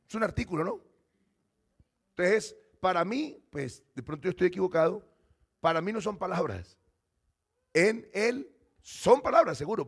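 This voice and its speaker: A man's voice: high voice, slightly rough. A man pastor preaching a sermon, teaching and putting questions to his congregation.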